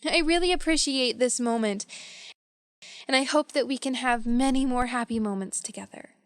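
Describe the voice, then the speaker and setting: A woman speaking slowly and carefully in a scripted beginner English dialogue. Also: fairly high pitch, no room sound, clean studio sound.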